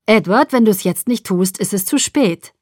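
A woman's voice: medium pitch, moderate pace, dry recording, clean studio sound, lightly acted. A woman voicing a composed male doctor in an audiobook, giving firm, urgent orders.

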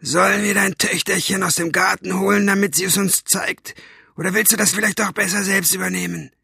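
A man voicing a sneering male henchman with a rough, raspy voice. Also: sits high, fairly even intonation, fairly quick, bright, forceful tone, no room sound, studio quality, pitched above the performer's own voice, full character voice. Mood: taunting. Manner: mocking, taunting.

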